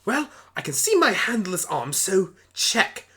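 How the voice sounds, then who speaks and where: A performer voicing a frantic, excitable alien Doctor turned talking pony in a hobby radio play, chattering away in exclamations. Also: medium pitch, unhurried, breathy edge, voice pushed up, full character voice. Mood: curious, puzzled.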